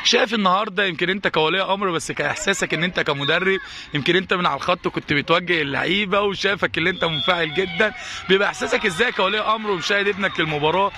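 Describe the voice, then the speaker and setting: A man with an Egyptian accent interviewing parents at an outdoor football ground, reeling off formulaic questions. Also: very fast. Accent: Egyptian Arabic. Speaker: pitch-side reporter. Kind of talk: sports coverage interview. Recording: noisy outdoor pitch-side recording.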